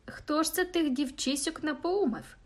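A woman's voice: high-pitched, normal speed, voice pushed up, close to an everyday voice. A woman voicing a shrewd middle-aged male village carter who talks in a knowing, drawling way and asks rhetorical questions.

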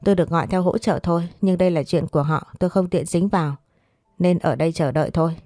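A woman voicing a calm, defiant young woman who answers with curt retorts. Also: on the low side, fast talker, no room sound, clean studio sound, natural voice. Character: cool-headed young woman, sharp-tongued and defiant.

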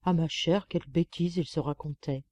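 Storybook lapdog voiced by a female reader: gossipy, pampered, confiding; mellow tone, close dry mic. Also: deep voice, fairly even intonation, normal speed, no room sound. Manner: chatty, confiding, mocking. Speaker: audiobook reader. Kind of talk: audiobook narration.

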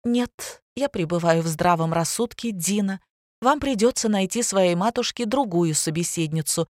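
A woman reading an audiobook voices a timid middle-aged mother who speaks softly, calm and restrained. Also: mid-range voice, normal speed, no room sound, clean studio sound, close to an everyday voice. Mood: calm firm.

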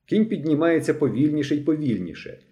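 A man reading a novel aloud as an audiobook narrator, with an expressive, dramatic delivery. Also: a little high, fast.

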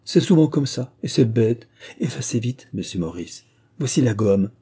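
A man reading aloud as a lively, teasing young Russian princess, in a raised playful voice. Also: mid-range voice, breathy edge, voice pushed up. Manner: playful, chattering, quick retorts.

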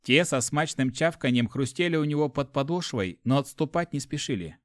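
A man reading a first-person audiobook in an even, matter-of-fact way on a close studio mic. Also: medium pitch, moderate pace, no room sound. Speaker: audiobook narrator.

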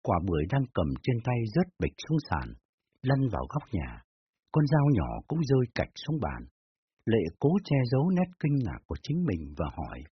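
A man narrating a dramatized audiobook story with expressive storytelling. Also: mid-range voice, moderate pace, a little hiss or hum. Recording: dull lo-fi with faint music.

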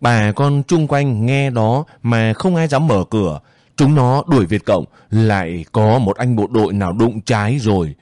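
A man narrating an audiobook story in a steady, measured way. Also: fairly low pitch, no echo, clean studio sound.

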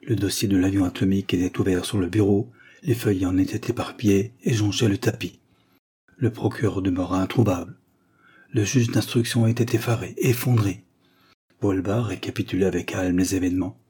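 A man reads a detective story aloud as narrator, keeping a steady, measured pace. His voice sits low and sounds dark and husky throughout. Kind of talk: audiobook reading of a detective story.

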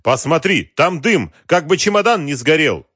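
A man's voice: a little high, big pitch swings, normal speed, a bit bright, breathy edge, no echo, clean studio sound, pitched above the performer's own voice, exaggerated voice. A man voicing an urgent male driver's partner in an audiobook.

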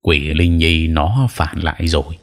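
Audio story role: a man playing a composed exorcist master, deep and steady, coolly mocking. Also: a little slow. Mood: cool, stern. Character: calm, stern middle-aged male master exorcist.

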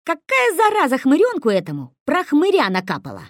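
A woman voicing a brash, mocking male crook of about forty who jeers and shouts. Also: high voice, wildly swooping pitch, fairly quick, dry recording, studio quality, voice pushed up. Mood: jeering. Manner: jeering, shouting.

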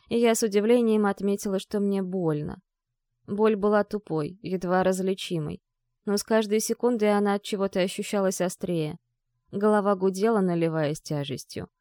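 A woman's voice: mid-range voice, dark tone, no room sound, studio quality. A woman narrating a first-person story in an emotional, vivid storytelling manner.

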